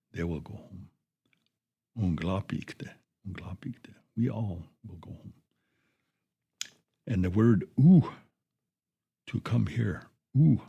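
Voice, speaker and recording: Man, radio language teacher, very slow patient drilling, dark husky voice. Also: low voice. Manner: slow, patient drilling, repeating each phrase twice.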